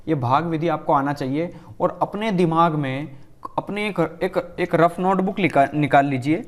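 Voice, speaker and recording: A male math teacher walks through a problem one step at a time. His voice sits a little high for a man. He keeps repeating steps and checking that the listener understands. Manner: coaxing classroom tone, often saying "look".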